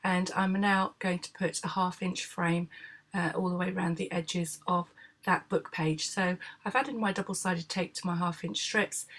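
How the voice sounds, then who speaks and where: A woman with a fairly low-pitched voice, hoarse from a cold, narrates a tutorial voice-over. She calmly walks through a craft project step by step, using frequent filler sounds.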